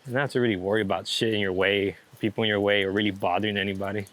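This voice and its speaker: In a lowish voice that is level in tone, very fast and a bit bright, a man chats casually during an interview. He's a street photographer, rambling in a laid-back way and swearing freely about his creative work.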